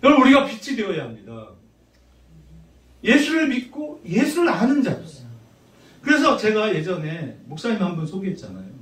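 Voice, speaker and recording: A middle-aged man preaching a sermon as pastor, conversational and animated, teasing his congregation. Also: sits high, moderate pace. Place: church sanctuary. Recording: roomy church sound from a distant mic.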